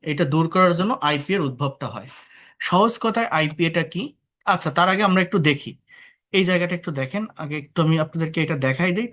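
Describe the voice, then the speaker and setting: With a voice on the high side and a fairly bright tone, this Bangladeshi tutor leads an online English lesson. His explanations are patient, he asks the class rhetorical questions, and English words slip into his talk.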